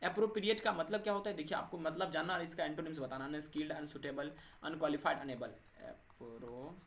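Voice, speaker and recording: A man's voice: a little high, fairly even intonation, a little fast, a bit bright, a little hiss or hum. A man teaching English vocabulary for exams, asking and answering his own questions and checking in with the viewers after every point. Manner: repeats 'thik hai' and 'doston' after each point, asks and answers his own questions. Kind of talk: exam-prep vocabulary lesson.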